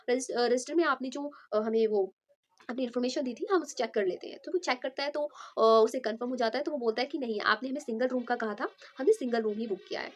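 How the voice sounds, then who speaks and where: A woman's voice: a little high, a little mellow. A woman telling a simple motivational story in a casual, chatty way, with many fillers and restarts.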